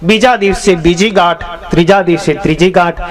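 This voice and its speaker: High-voiced man telling a scripture story. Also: brisk. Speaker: religious storyteller, swami.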